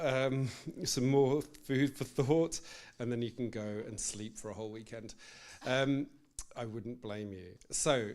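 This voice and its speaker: A man's voice: mid-range voice, darkish tone, smooth. Chatty man hosting a library event. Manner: informal and self-deprecating, with frequent ums. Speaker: project manager and event host. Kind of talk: welcome remarks at a live poetry event. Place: library event space with an audience. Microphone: live-streamed event microphone.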